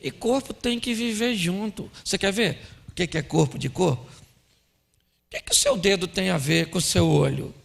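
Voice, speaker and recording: Gravelly, high-voiced joking pastor. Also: male voice, normal speed. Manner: animated, playful, acts out scenes. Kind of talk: humorous sermon. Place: church conference.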